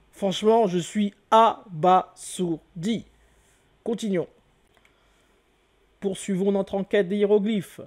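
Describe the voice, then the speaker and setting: A man's voice: sits high, a little mellow. A man hosting an online lesson, talking the viewer through step by step. He repeats key words and exclaims often. He keeps asking the listener questions and answering them himself. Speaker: channel host teaching hieroglyphs. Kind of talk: video lesson.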